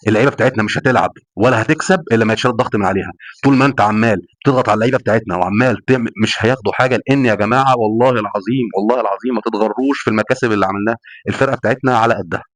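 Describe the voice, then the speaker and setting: A man with an Egyptian accent, talking at a breakneck pace in a heated football rant. He hammers points home by repeating himself and swearing oaths. The sound is close and dry, with no room echo. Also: lowish voice. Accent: Egyptian Arabic. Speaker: football fan commentator. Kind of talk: passionate post-match rant.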